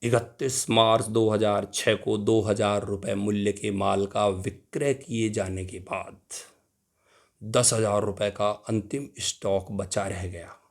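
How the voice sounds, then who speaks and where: A young adult man giving an exam-prep accounting lecture, lively, asking questions and answering them himself, addressing students fondly. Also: on the low side, takes it slowly, gravelly. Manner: animated, asks and answers his own questions, calls students "beta". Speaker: accounting teacher.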